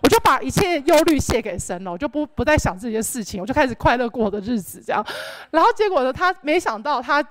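A young woman gives a rambling, animated personal faith testimony, full of filler words. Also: high voice, fast talker, slight background noise. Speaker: church member giving testimony.

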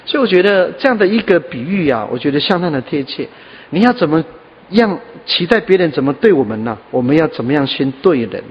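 A man's voice: a little high, sing-song, fast, long reverb tail, highs cut off. A man preaching a sermon, dropping "ah" and "ha" fillers. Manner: scattered with "ah" and "ha" fillers, earnest. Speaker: pastor.

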